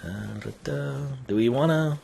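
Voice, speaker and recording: A man's voice: mid-range voice, measured pace, gravelly, darkish tone, slight background noise. A man giving casual, rambling live game commentary as a streamer, thinking aloud in slangy speech.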